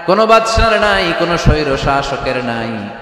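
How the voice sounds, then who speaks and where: A man with a Bangladeshi Bengali accent preaching a fiery sermon, shouting, chanting verses and rousing the audience to answer. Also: sing-song, moderate pace. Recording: booming echo from a large hall PA.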